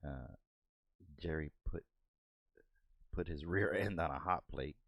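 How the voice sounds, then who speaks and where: Talking slowly in a rumbling low voice with a slight brightness, this man hosts a podcast and doodles as he goes. He's laid-back, often laughing, and acts out cartoon moments; he's an artist speaking into a desk microphone. There's no room sound.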